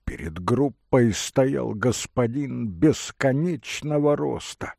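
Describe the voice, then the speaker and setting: A man narrating a classic novel as an audiobook, in a theatrical, expressive way. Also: medium pitch, slow, creaky, no echo, studio quality.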